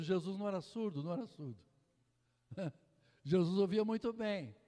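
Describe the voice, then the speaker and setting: A male Brazilian pastor preaching a fervent sermon, full of hallelujahs, moving between loud exclamations and hushed storytelling. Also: high-pitched. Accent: Brazilian Portuguese. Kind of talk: Pentecostal sermon. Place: church sanctuary. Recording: long hall reverb in a church.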